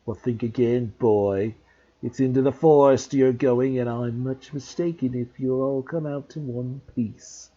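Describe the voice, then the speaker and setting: A man's voice: medium pitch, steady tone, mellow, close to an everyday voice. A man doing a gloating old caretaker. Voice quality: sneering, drawn-out, cackling. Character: bullying gleeful old male school caretaker. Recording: dull lo-fi recording.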